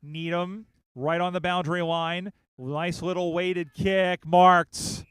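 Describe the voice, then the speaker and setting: A man giving live play-by-play commentary on a football match, calling the action quickly and getting louder on big plays. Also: sits high, clear, resonant tone, dry recording. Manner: rapid play-by-play, rising excitement on big plays. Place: outdoor sports field.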